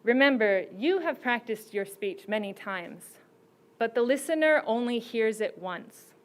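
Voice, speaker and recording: A woman judge giving prepared, teacherly advice to students in a slow and deliberate way. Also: fairly high pitch, expressive.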